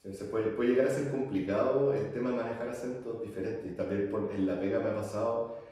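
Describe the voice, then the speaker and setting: A man's voice: on the low side, brisk, dark tone. A man talking in a hesitant, thoughtful way in casual podcast chat. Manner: hesitant, many fillers and restarts, thoughtful. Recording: very echoey room.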